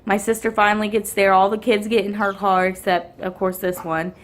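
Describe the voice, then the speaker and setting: This is a woman in her twenties or thirties, speaking straight to the camera in a casual storytelling vlog. She rambles, restarts sentences and fills the gaps with um and you know. Her pitch sits in the middle of the range. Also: flat delivery, a little fast. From Houston area, Texas. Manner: rambling, many ums and restarts. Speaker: vlogger and mother.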